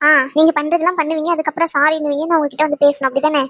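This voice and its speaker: A woman's voice: sits high, flat delivery, no room sound, clean studio sound, lightly acted. A woman voicing a young wife in a cartoon who scolds her husband in a hurt, indignant way. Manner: reproachful, rapid and indignant. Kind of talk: cartoon voice acting.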